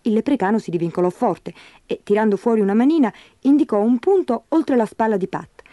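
A woman narrating a storybook tale in an expressive, measured way. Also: a little high, dry recording.

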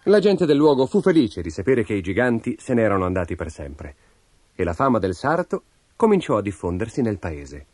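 A man narrates a fairy tale with dramatic, expressive storytelling. His pitch rises and falls in lively swoops. Music plays clearly underneath him. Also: brisk. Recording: music in the background.

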